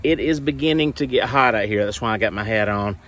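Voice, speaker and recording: A man's voice: on the low side, fairly quick, a bit bright, slight background noise. A man in his forties, chatty and folksy, vlogging on his farm while holding his phone at arm's length outdoors. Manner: folksy, chatty, repeats himself. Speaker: homesteading vlogger. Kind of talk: casual vlog narration. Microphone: phone held at arm's length.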